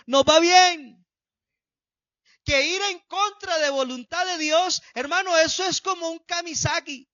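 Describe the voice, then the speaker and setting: High-voiced pastor preaching fervently. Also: male voice, no room sound, highs cut off. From Colombia. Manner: preaching with sudden shouted peaks and hushed drops. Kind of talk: sermon.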